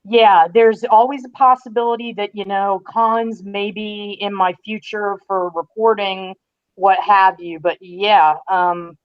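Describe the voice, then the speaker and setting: Her mid-range voice keeps a fairly even intonation and measured pace as she delivers news in a relaxed, chatty manner. She's a fan-site writer guesting on a podcast, heard through slightly dull online-call audio.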